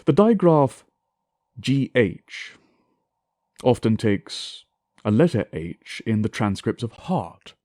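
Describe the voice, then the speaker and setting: Formal guy reading a scholarly lecture, deliberate and declamatory, bits of old shakespearean pronunciation, really dry close sound, swoopy intonation. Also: medium pitch, big pitch swings, warm tone, no echo. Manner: formal, deliberate, declamatory delivery with emphatic enunciation. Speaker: lecturer on historical English pronunciation.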